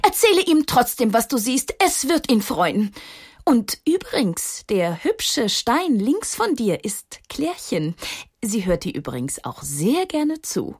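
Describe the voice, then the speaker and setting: A woman's voice: high voice, big pitch swings, normal speed, few pauses, slightly rough, pitched above the performer's own voice, heavily acted. A woman voicing a resolute aunt-like female stone who speaks firmly in a children's story. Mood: reassuring. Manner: firm, resolute.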